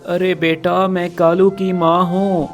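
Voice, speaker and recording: A man's voice: high voice, flat delivery, slow, soft background music. A man playing a frail old crow mother. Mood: plaintive. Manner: pleading and plaintive.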